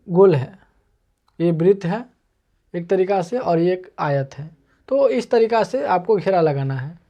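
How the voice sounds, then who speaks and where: High-pitched with a darkish tone, this online math teacher takes his time, going over every step repeatedly in a patient, methodical way.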